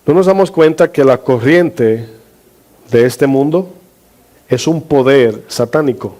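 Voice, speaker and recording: A man's voice: mid-range voice, takes it slowly, mellow. A male pastor preaching a sermon, questioning his congregation and drawing out key words for emphasis.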